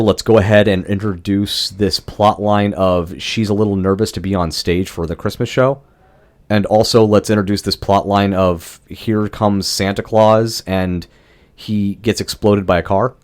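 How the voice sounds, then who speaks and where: Young male podcast co-host, low voice, exasperated ranting reviewer with a loose mouth. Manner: ranting, exasperated, swears freely. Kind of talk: casual movie review chat.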